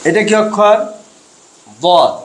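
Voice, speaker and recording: Here a high-voiced, expressive man teaches Quran reading amid reverberation, spelling things out slowly step by step and responding to the questions he himself poses.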